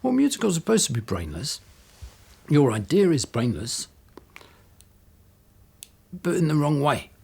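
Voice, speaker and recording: A dry, skeptical interviewer who pokes holes in everything from off camera. His husky, gravelly voice swings widely in pitch. He sounds distant from the mic. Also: wildly swooping pitch, unhurried, long pauses, warm tone, full character voice.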